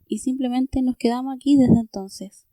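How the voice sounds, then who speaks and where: A woman answering interview questions in a calm, matter-of-fact way. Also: high voice, moderate pace. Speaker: interview guest.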